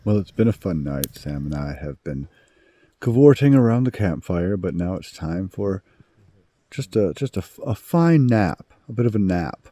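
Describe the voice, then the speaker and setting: A man's voice: sits low, expressive, normal speed, dark tone. A man hosting a camping vlog outdoors, talking casually to camera in a playful, rambling way and often repeating his phrases. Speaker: outdoor camping vlogger and host. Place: outdoors at a forest campsite. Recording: clear outdoor background noise.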